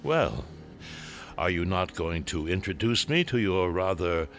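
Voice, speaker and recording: A man's voice: deep voice, very animated, unhurried, a bit bright, soft background music, exaggerated voice. A man playing a cold, imperious imperial lord in a sci-fi audio drama, formal and condescending in a menacingly polite way. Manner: formal, condescending, coolly sardonic.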